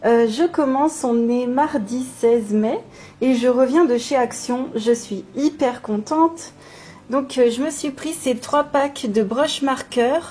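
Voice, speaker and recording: A woman's voice: high-pitched, a little mellow. A woman chatting casually and enthusiastically to her viewers, in an informal vlog style. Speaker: craft and coloring vlogger. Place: indoors at home. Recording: noticeable background noise, home recording.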